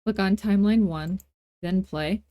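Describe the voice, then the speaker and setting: A woman with a mid-range, unhurried voice hosts a casual, unscripted software tutorial on a dry recording. Her playful, folksy talk uses informal grammar and self-deprecating asides.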